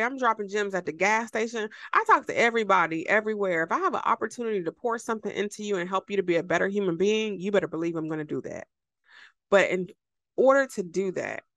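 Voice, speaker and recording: A woman's voice: lowish voice, vocal fry, a bit bright, no echo. A woman hosting a podcast, giving an emphatic, preachy motivational talk straight to her listeners, repeating phrases for effect and laughing often. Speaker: podcast host.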